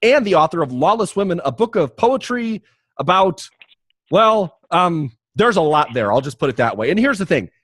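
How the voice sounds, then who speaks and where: Lively, jokey male podcast host. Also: high voice, moderate pace, dry recording. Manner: jokey, rambling, many restarts. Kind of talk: casual podcast chat and promo read.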